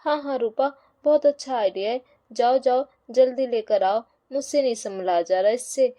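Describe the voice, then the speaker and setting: A woman's voice: on the high side, normal speed, dark tone, natural voice. A woman voicing a flustered young man, the kids' uncle, who panics and feels helpless in a doll-play bedtime story.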